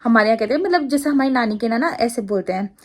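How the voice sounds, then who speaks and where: A woman's voice: a little high, animated, quick pace. A woman with an Agra-region Hindi accent, chatting casually to camera in a rambling, laughing way. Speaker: vlogger.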